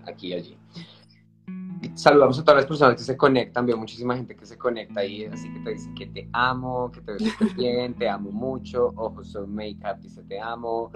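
A man hosting a live-stream conversation, effusive, repeating words for emphasis. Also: fairly low pitch. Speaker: host, professional ballet dancer.

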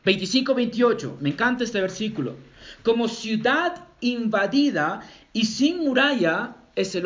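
A man preaching a sermon as pastor, swinging from loud emphatic lines to quiet low asides. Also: reverberant, lo-fi sound.

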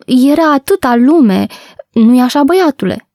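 A woman voicing a cheerful, trusting young girl who chatters brightly and eagerly in a storybook reading. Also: high-pitched, expressive, no echo, studio quality, pitched above the performer's own voice.

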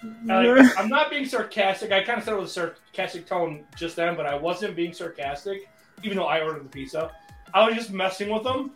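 A man's voice: sits high, brisk, reverberant, soft background music. A man co-hosting a casual podcast, telling a rambling travel story full of fillers. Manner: rambling, animated, many fillers. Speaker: podcast co-host.

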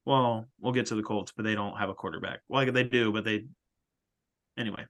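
A man's voice: fairly low pitch, steady tone, brisk, fairly bright tone. A young man co-hosting a sports podcast, talking casually and joking, often trailing off into fillers. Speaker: podcast co-host.

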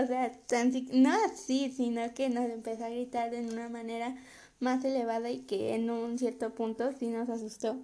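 A young woman tells a story on her podcast, her voice pitched a little high. Her tone is mellow and warm, and she keeps it loose and chatty, with laughter slipping into her talk. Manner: chatty, laughs while telling. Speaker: podcast host. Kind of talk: casual storytelling monologue.

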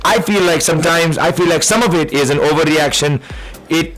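A man with an Indian accent hosts a casual radio talk show. His voice sits high for a man. He feels his way through sentences, often repeating a phrase, while music plays faintly behind him. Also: fairly quick, rough recording. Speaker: radio host.

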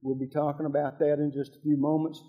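A man's voice: a little high, level tone, fast, narrow, tinny audio. An American man hosting a local sports talk show in a folksy, conversational way, speaking straight to the listeners. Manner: folksy, addressing listeners directly. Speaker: host of a local high school sports show.

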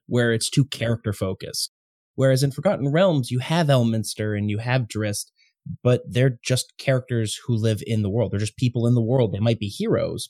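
A man hosting a podcast, chatting casually and eagerly in quick bursts. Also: medium pitch, darkish tone, dry recording, studio quality. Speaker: podcast host.

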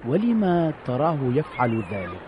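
A man acting a pensive ancient army officer in an old radio show. His voice is mid-pitched, solemn and formal, over faint hiss. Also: sing-song, normal speed, highs cut off, lightly acted. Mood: thoughtful. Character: brooding, deferential male officer, thoughtful companion to commander.

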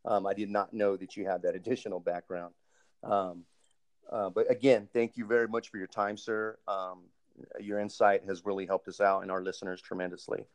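Deep gravelly man hosting an interview. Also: flat delivery, moderate pace, no echo. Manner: polite, many ums, formal address of sir. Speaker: host, military doctoral student interviewer. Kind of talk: casual interview, recorded podcast segment.

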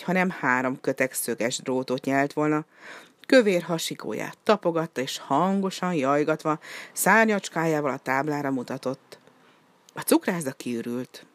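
A woman reading a children's story aloud in an expressive, lively way. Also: sits low, dry recording.

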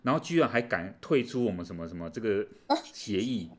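A man voicing a scornful male official who mocks a small country in a loud, sneering scold. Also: medium pitch, animated, quick pace, natural voice.

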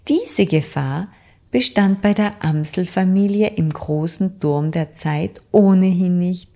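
A woman calmly narrating a children's story in a gentle, unhurried way. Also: lowish voice. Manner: calm, slow, gentle narration.

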